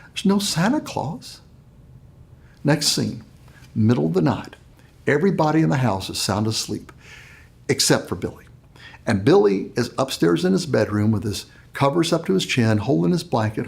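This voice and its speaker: A man's voice: mid-range voice, gravelly, a little mellow. A man hosting a leadership show, giving a motivational talk and telling a story dramatically. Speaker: host, leadership speaker.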